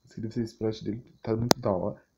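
A gaming YouTuber with a Brazilian accent riffs off the cuff about fan game images and videos, speaking fast with fairly even intonation, vocal fry, and a voice on the low side. His talk is slangy and rambling, and he repeats himself, all captured on a muffled, noisy phone recording with clicks.

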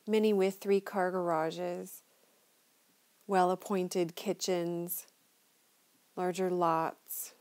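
A middle-aged woman narrates a neighborhood driving tour from inside a car. Her voice is mellow and warm, and her manner is chatty and enthusiastic. She talks like a friendly local guide. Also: fairly low pitch.

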